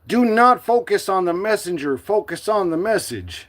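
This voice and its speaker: A middle-aged man from the United States speaking to his livestream viewers in a forceful, defiant, preachy monologue. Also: high voice, big pitch swings, moderate pace. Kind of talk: impassioned live-stream monologue.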